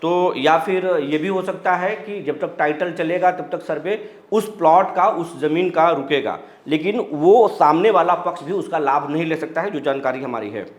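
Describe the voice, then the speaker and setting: A man with a somewhat high voice hosts a news commentary, calmly explaining and reading viewers' comments aloud. His delivery is reassuring and steady, with pauses between phrases. The recording has a noticeable roomy echo. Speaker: news channel host.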